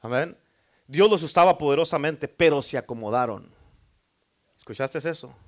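A man's voice: fairly high pitch, normal speed. A male pastor preaching a sermon, often calling for amens from the congregation. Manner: call-and-response, frequent amen prompts.

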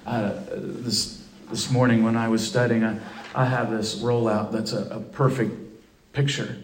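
A man's voice: mid-range voice, steady tone, measured pace, echoey room, distant mic, a little hiss or hum, low-quality recording. A man preaching a sermon in a church, building to emphatic, fervent declarations. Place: church sanctuary.

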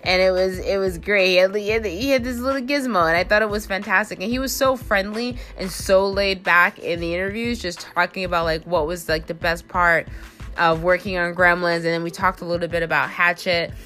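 A woman chatting casually through a convention recap, rambling with many fillers and restarts and bursting into excited quoted reactions. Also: fairly low pitch, fairly quick, soft background music. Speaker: convention reviewer and interviewer.

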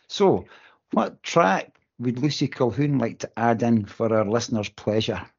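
A man's voice: mid-range voice, big pitch swings, moderate pace, a little mellow, husky, muffled recording. A man hosting a casual podcast interview. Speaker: podcast host.

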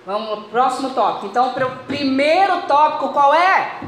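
Animated and a bit bright, this high-pitched woman speaks at normal speed with a Brazilian Portuguese accent. She fervently preaches to her congregation in church, calling them brothers, while the very echoey hall adds faint noise to the recording.

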